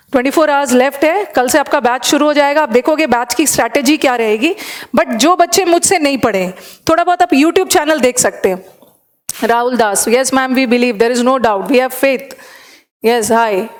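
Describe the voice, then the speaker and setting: A woman with an Indian accent, an English teacher chatting in a live online class, switching between Hindi and English and reading out student comments. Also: high voice.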